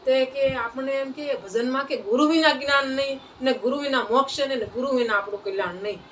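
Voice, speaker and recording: A woman's voice: sits high, fairly quick, a bit bright. A woman telling a saint's life story at a satsang, in a plain folk manner that repeats phrases. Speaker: devotional storyteller. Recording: distant mic, faint ambient noise.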